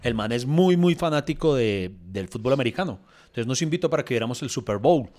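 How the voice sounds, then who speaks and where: A man with a Colombian accent, co-hosting a podcast, telling stories in animated, slangy casual chat. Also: medium pitch, brisk. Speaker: podcast co-host.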